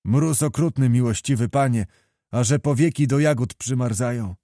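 A man voicing a blunt, rough-mannered nobleman reporting to his king, in a read-aloud historical novel. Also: mid-range voice, moderate pace, dark tone, dry recording, studio quality, close to an everyday voice. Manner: blunt, earthy.

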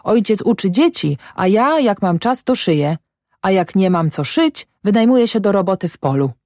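A woman voicing a tired but energetic young German colonist woman in a storybook, answering briskly and proudly. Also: medium pitch, no room sound, studio quality, pitched above the performer's own voice, lightly acted. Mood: earnest.

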